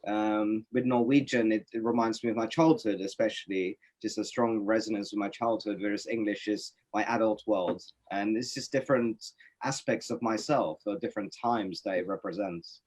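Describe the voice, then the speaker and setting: Man, low-pitched, from Norway, reflective interview guest, fillers and restarts, webinar audio. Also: moderate pace, a little mellow. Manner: thoughtful, many fillers and restarts. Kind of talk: reflective conversational answers. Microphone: webinar video call.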